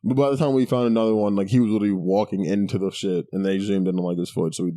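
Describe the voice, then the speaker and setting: A man's voice: on the low side, fairly even intonation, rapid-fire, dark tone, dry recording, studio quality. A man co-hosting a podcast, chatting casually with profanity, sarcasm and frequent laughter. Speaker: podcast co-host. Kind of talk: casual chat.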